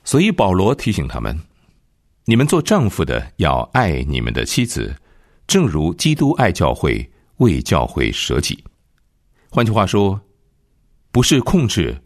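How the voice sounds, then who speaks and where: A man's voice: low voice, huge pitch swings, measured pace, dry recording, studio quality. A male radio preacher giving a sermon to listeners, speaking emphatically and rising and falling dramatically. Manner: emphatic, rises and falls dramatically.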